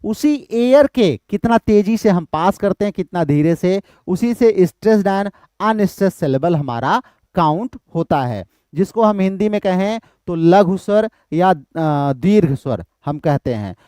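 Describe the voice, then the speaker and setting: A man's voice: sits high, expressive, unhurried, mellow, dry recording, studio quality. A man teaching literature for exam prep, explaining step by step, repeating key terms and answering his own questions.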